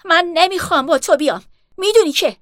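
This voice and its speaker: A woman voicing an angry young woman who shouts at her sister in a storybook reading. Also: animated, no room sound, studio quality. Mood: shouting. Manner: loud, high and shouting.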